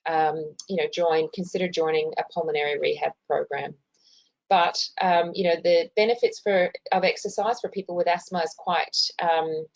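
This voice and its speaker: Casting: Australian woman, health educator, lowish voice, informal explanatory delivery, muffled webinar sound from a hospital. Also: a little mellow. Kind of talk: informal instructional presentation. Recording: muffled, dull webinar audio.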